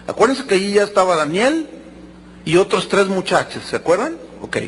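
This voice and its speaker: A man's voice: high-pitched, moderate pace, a little hiss or hum. A man preaching a sermon, acting out quotes and joking with the congregation. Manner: animated, acts out quotes and jokes with the congregation.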